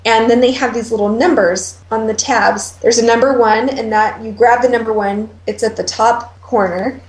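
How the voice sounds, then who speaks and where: A woman's voice: fairly high pitch, fairly even intonation, normal speed, echoey room, low-quality recording. Chatty woman explaining step by step. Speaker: podcast co-host. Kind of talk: casual chat.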